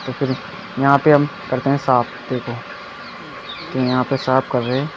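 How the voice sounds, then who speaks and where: A young man narrates a casual vlog from a muddy dirt road, his mid-range voice level and at normal speed. The commentary is loose and repetitive, sprinkled with "bhai" and "ye dekho," recorded on a phone camera with dull lo-fi audio and loud noise from outside.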